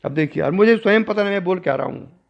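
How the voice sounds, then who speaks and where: An older man, a spiritual teacher, recounting a personal story in a discourse and acting out the dialogue with changing pitch and loudness. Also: lively intonation, fast talker, vocal fry. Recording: dull lo-fi recording.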